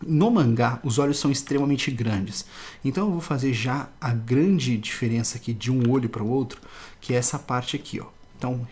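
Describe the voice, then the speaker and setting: A man's voice: mid-range voice, darkish tone. A man teaching a casual drawing tutorial, explaining step by step and often checking in with the viewer.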